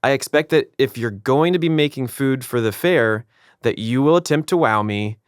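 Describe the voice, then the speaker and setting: A man narrating a podcast episode in a measured, reflective scripted style. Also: medium pitch, smooth, no room sound, clean studio sound.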